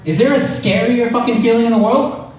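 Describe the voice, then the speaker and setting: A young man doing a rambling, self-deprecating, profane stand-up routine at an open mic, halting and casual as he goes. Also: very high-pitched, fairly even intonation, a little mellow. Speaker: stand-up comedian. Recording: very echoey room, distant mic, faint noise.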